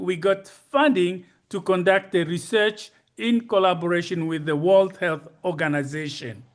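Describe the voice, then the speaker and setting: An older conference presenter, sixty or more, walks through his slides with a Congolese accent. His voice is high-pitched and a bit bright, and he explains things deliberately, repeating key phrases to drive them home.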